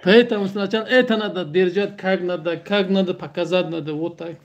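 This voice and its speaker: High-voiced Tajik man, joking livestream chat. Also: fairly even intonation, a little fast. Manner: joking, speaks broken Russian in short repetitive bursts. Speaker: livestream host. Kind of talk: casual livestream chat with viewers.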